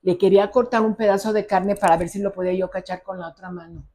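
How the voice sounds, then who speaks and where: A middle-aged psychologist specializing in ADHD, a woman with a Mexican accent, tells a case story in a conversational interview, acting out the dialogue. Her medium-pitched, dark-toned voice moves fast with fairly even intonation.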